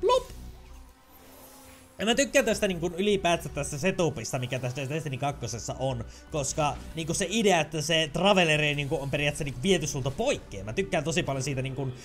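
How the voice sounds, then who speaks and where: Lively excitable gamer man. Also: a little high, faint music behind. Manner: excitable, makes sound effects, chatty. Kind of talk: let's play commentary.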